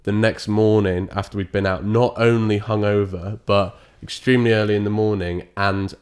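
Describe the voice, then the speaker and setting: A young man with a fairly low voice co-hosts a casual podcast. He tells anecdotes in a chatty way and laughs often along the way. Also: fairly even intonation, moderate pace, a little mellow. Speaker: podcast co-host. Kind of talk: casual chat.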